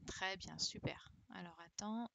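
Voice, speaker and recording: A woman's voice: medium pitch, measured pace, creaky, bright, forceful tone, slight background noise. A woman teaching a primary class online on a video call, patiently correcting exercises with her pupils, praising them and often checking "d'accord?". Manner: spells out word endings letter by letter. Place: home, virtual classroom.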